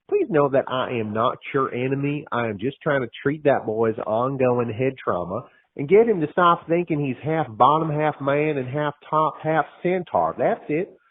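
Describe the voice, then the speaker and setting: A man's voice: medium pitch, natural voice. A man voicing a folksy, flustered male livestock veterinarian who leaves a nervously polite voicemail greeting. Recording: tinny phone voicemail.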